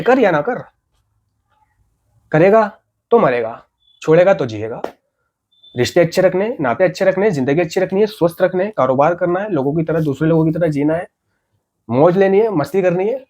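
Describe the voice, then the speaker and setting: A man's voice: high voice, a little mellow, dull audio. A man giving an earnest, motivational talk about staying off drugs, repeating key points and asking rhetorical questions. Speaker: addiction recovery speaker.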